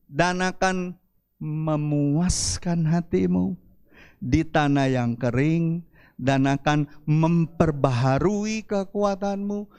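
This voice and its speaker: A man preaching a church sermon as pastor, with dramatic swings of pitch and loudness. Faint music plays behind him. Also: slow pace, smooth.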